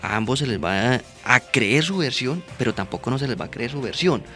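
A man's voice: mid-range voice, lively intonation, fairly quick, sharp tone, faint music behind. A man, a police mediator explaining his work in a radio interview, earnest and often asking "right?". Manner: earnest, explanatory, frequent "¿verdad?" and "¿sí?" tags.

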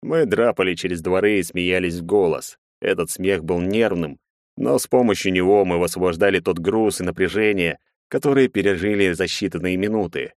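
A man reading a first-person audiobook in a measured, expressive way. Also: low-pitched, no room sound, studio quality. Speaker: audiobook narrator.

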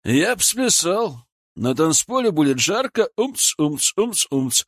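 A man's voice: fairly low pitch, sing-song, moderate pace, breathy edge, dry recording, studio quality. A man reading the lines of an ironic, wry grown man. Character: ironic grown man, joking then weighing choices.

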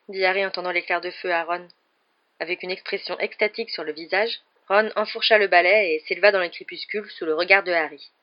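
A woman narrates a novel aloud with an expressive, lively reading. Her voice sits low, and the recording sounds dull and lo-fi. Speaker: audiobook narrator. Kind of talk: audiobook narration.

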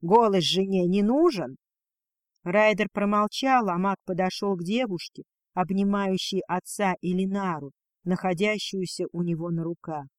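A man reading a fantasy novel aloud as an audiobook narrator, in a steady storytelling manner. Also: high-pitched, moderate pace, no echo, studio quality.

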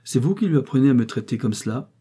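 A man's voice: mid-range voice, animated, normal speed, dark tone, slightly rough, pitched above the performer's own voice. A man reading aloud and voicing a jovial, insinuating Parisian schemer. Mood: sour.

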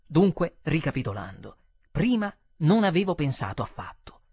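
A man reading a literary short story aloud, with expressive phrasing and dramatic pauses. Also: a little high, husky, no echo. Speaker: audiobook reader.

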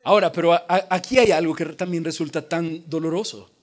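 A pastor from El Salvador preaching a lively sermon, joking and acting out the voices in the story. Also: male voice, on the high side, a little fast. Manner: animated preaching with jokes and acted-out voices.

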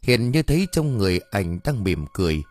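A man narrating an audio story in a steady, even storytelling manner. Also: on the low side, fairly quick. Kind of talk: scripted narration.

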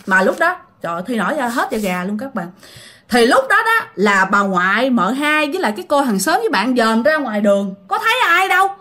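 A woman narrates a ghost story in a casual, chatty way, turning often to address her listeners. Her voice is high and bright, with lively rises and falls. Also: brisk.

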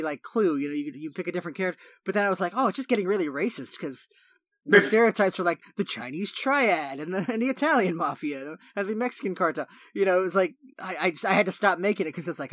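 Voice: medium pitch, a bit bright, no echo, clean studio sound. A co-host of a casual film-review podcast, opinionated and prone to rambling asides. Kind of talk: casual chat.

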